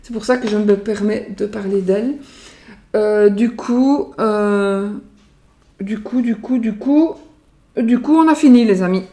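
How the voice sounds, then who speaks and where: A woman's voice: mid-range voice, slow pace, mellow. Rambling woman in an echoey kitchen. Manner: rambling, chatty, repeats herself and uses many fillers. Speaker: psychic vlogger presenting her oracle cards. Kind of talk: casual chat to viewers. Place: home kitchen. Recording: roomy echo, voice from far off the mic.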